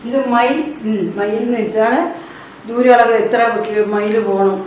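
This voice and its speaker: A woman's voice: on the high side, fairly even intonation, measured pace, a little mellow, slight background noise. A woman teaching a language lesson, spelling out syllables one by one, repeating each word and patiently explaining what it means. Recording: echoey room heard from a distance.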